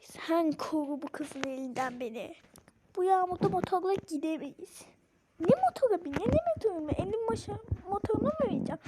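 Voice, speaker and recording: A woman's voice: very high voice, background noise. A woman voicing a fed-up mother scolding her troublesome daughter in a game role-play, sighing and calling on God.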